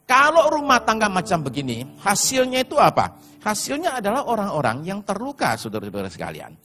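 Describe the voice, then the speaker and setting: Animated male preacher with a higher voice. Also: a little fast. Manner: storytelling with shouted put-on voices and congregation address. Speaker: pastor. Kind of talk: sermon.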